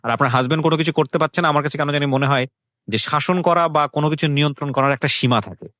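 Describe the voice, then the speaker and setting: A radio host with a Bangladeshi accent and a voice on the high side, a bit bright, speaks at a quick pace in a clean studio recording with no room sound. Interviewing conversationally, he adds reflective social commentary, stresses points by repeating phrases, and mixes English into his Bengali.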